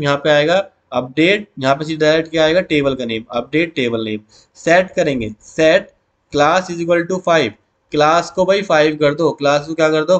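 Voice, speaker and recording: A teacher with a slightly high voice runs an exam revision lesson and keeps calling his students "beta." He throws key words back to the class as questions. When he reads the commands out, he goes slowly, word by word.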